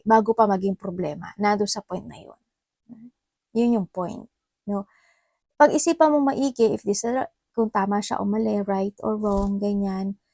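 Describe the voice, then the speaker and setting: A woman from the Philippines giving a casual tarot reading, chatty and laughing often, her voice a little hoarse. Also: mid-range voice, no echo, clean studio sound. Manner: chatty, mixes Tagalog and English, laughs often. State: slightly hoarse voice. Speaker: tarot reader.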